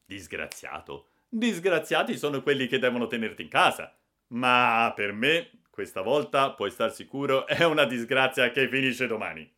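A stern grown man snaps at a troublesome boy with biting sarcasm, as a male reader acts him out. He speaks loudly through clenched teeth. The scorn is always on show. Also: fairly high pitch, moderate pace, pitched above the performer's own voice. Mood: sarcastic anger.

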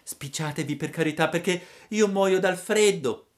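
A man voicing an impatient young wooden puppet boy in a storybook reading, shrill and shouting. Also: a little slow. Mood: pleading.

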